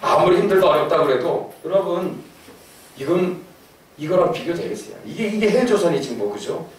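Middle-aged male lecturer, slightly high voice, animated and joking, caught from far off in an echoey hall. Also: normal speed, a little hiss or hum. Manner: animated, laughing asides, questions to the audience. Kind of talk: lively lecture to an audience.

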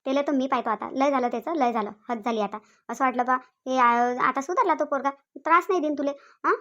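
A woman's voice: high-pitched, pushed and bright, lo-fi sound. Woman doing a bossy old village aunt. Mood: reassuring. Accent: Vidarbha Marathi. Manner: scolding, reassuring, drawn-out rural chatter. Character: bossy elderly village aunt, protective and fussy. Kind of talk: cartoon voice acting.

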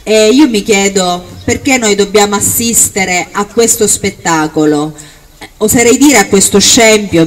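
Female rally speaker, mid-pitched, projected emphatic delivery, recorded outdoors at some distance. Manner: emphatic oratory, projected, with deliberate listing phrases. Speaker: political candidate or activist at a rally. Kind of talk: public campaign speech. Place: outdoor town square. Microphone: handheld-type microphone on a stand, amplified. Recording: distant outdoor capture, faint background noise.

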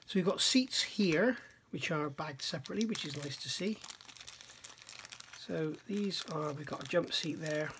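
Man, middle-aged, slightly high voice, musing kit review, faint hiss. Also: lively intonation, normal speed. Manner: musing, self-questioning, admiring. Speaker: scale model reviewer. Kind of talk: casual hands-on kit review. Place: workbench indoors.

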